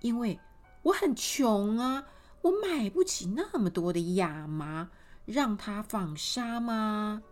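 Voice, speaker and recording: A woman voicing a poor, sly mother in a fairy tale, speaking slowly and fawningly. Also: mid-range voice, expressive, soft background music. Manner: slow, fawning, drawn out.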